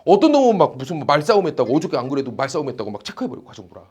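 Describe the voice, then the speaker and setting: Male tutor, high voice, lively swinging delivery, teasing classroom lecture. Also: very fast, husky. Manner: animated, teasing, blunt slang with students. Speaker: academy teacher.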